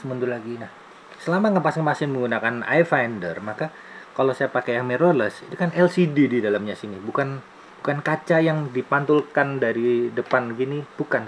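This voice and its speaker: A man's voice: mid-range voice, a little hiss or hum, poor audio. A man in his late forties explaining his camera gear in a casual vlog, chatty and demonstrative, talking close to a camera-mounted mic indoors. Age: 40s. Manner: chatty, demonstrative, thinks aloud with fillers. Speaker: YouTuber reviewing camera gear. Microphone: camera-mounted microphone close to speaker.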